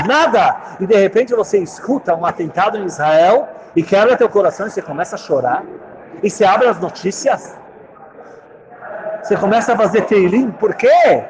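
A man teaching a Torah class, chanting Hebrew verses slowly and explaining them with rhetorical questions. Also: high-pitched. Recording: muffled lo-fi recording.

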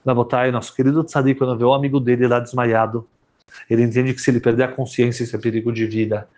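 A man telling a dramatic story as a rabbi, swinging between loud cries and hushed tones. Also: mid-range voice, little pitch movement, fast talker.

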